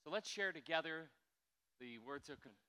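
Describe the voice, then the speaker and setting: A pastor leading communion in a church sanctuary, his voice trailing off into a long cathedral echo. He is a man with a slightly raised, bright and smooth tone. He speaks in a measured, reverent way with slow pauses. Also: a little high, animated.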